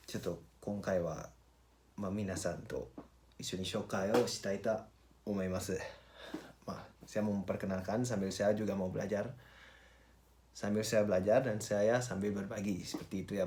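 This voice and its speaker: Low-voiced man, casual vlogger. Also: a little mellow, a little hiss or hum. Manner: informal, halting, repeats phrases and address tags. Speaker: vlogger and cook. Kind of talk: casual vlogger presentation, switching between two languages.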